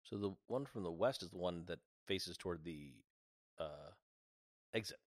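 A man's voice: low-pitched, animated, moderate pace, no room sound, studio quality. A man chatting casually as a player in a tabletop game.

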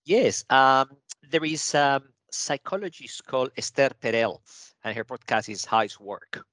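A man's voice: mid-range voice, animated, unhurried, fairly bright tone, no room sound. A middle-aged man from Venezuela, a guest on a podcast, answering in an upbeat, positive way. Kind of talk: casual interview chat.

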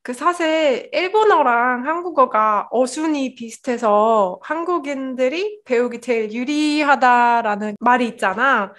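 Higher-pitched young woman interviewing casually. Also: expressive, unhurried, few pauses, fairly bright tone.

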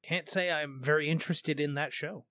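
A man's voice: fairly high pitch, fairly even intonation, moderate pace, pushed and bright. A man from Massachusetts chatting as a podcast guest, joking, swearing and laughing easily. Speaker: guest, chiptune artist. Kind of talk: casual chat.

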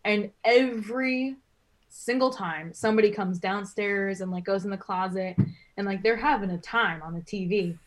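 A woman's voice: medium pitch, normal speed. A woman guest on a podcast, chatting casually and telling stories with lots of laughter. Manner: animated, laughing storyteller. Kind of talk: casual chat.

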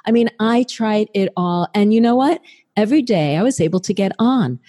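A woman's voice: mid-range voice, animated, normal speed, warm tone. A woman telling a personal story in a conversational way, with many fillers. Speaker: speaker sharing a personal story. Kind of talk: storytelling talk.

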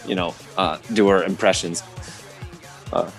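A man's voice: sits low, steady tone, unhurried, faint music behind. A man co-hosting a podcast in a joking, teasing casual chat. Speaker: podcast co-host.

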